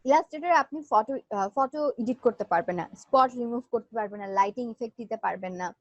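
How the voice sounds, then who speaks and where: Woman, design teacher, live class, high, fast, step by step, dull sound. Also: lively intonation, dry recording. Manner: explains step by step, fillers between steps. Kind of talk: live online class, screen demo.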